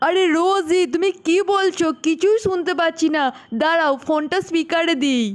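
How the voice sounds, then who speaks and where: A woman's voice: extremely high pitch, level tone, fairly quick. A woman voicing a sly, evasive young man in a doll cartoon story. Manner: sly, brushing people off.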